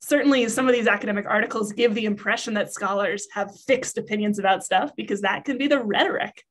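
Reflective woman academic, mid-pitched. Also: fairly bright tone. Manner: measured, reflective, with light fillers. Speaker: guest academic. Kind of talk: conversational interview.

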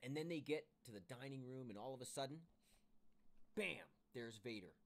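A man reading a children's book aloud to his kids with expressive storytelling. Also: mid-range voice, fast talker.

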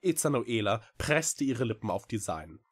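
A man reading a novel aloud in an expressive, theatrical narrating style. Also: mid-range voice, normal speed, breathy edge. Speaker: storybook reader.

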